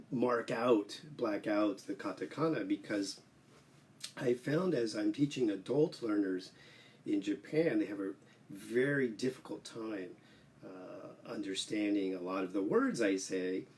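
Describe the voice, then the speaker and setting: A man hosting a casual solo livestream as an English teacher, explaining slowly with many "uh" fillers. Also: fairly low pitch, a little mellow, far from the mic, slight background noise.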